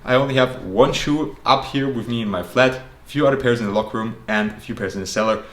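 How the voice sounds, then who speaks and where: A man's voice: mid-range voice, quick pace, fairly bright tone. A man presenting casually to his viewers as a vlogger, recorded indoors at home. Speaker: sneaker collection vlogger. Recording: roomy echo, faint noise.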